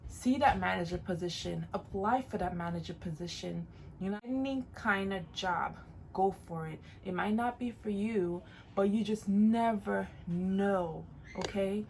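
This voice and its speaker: A Jamaican-born vlogger in her late twenties offers casual, encouraging advice, repeating phrases for emphasis. Her medium-pitched voice is gravelly and a little mellow, with slight background noise.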